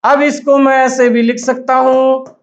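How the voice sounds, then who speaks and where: A man's voice: extremely high pitch, flat delivery, unhurried. A man teaching a grammar lesson to a class, asking questions and answering them himself and repeating the key words. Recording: dull, echoey room recording.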